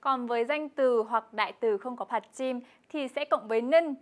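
A young woman co-hosting a scripted television language lesson, explaining patiently and repeating each example word clearly. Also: a little high, moderate pace. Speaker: Korean language teacher co-host.

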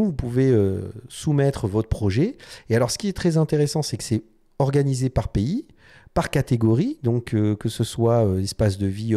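A man's voice: medium pitch, dark tone. A man hosting a design video, explaining casually to the camera with many fillers and restarts.

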